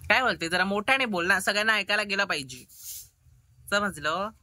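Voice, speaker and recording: A woman's voice: mid-range voice, a little fast, pushed and bright. A woman home vlogger chatting casually, teasing and cooing at a toddler in playful baby talk.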